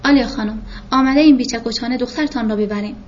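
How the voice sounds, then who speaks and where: A woman's voice: on the high side, a little mellow, close to an everyday voice. A woman voicing a blunt, domineering older woman who demands an answer at once, in a muffled recording with faint hiss. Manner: blunt, imperious. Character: stern older woman, domineering matchmaking mother.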